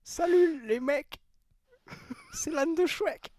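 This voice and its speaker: Un homme imitant l'âne bavard d'un dessin animé. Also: male voice, takes it slowly, darkish tone. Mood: goofy. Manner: high, jokey impression. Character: chatty talking male cartoon donkey.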